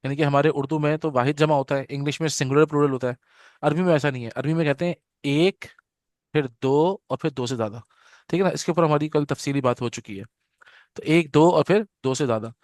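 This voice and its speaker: A man teaching an Arabic grammar class. He repeats each term slowly and keeps checking that his students follow. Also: a little high, a little mellow, dry recording, clean studio sound. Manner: patient, repeats terms slowly with frequent "theek hai na" check-ins; leads students in call-and-response repetition. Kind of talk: live grammar lesson.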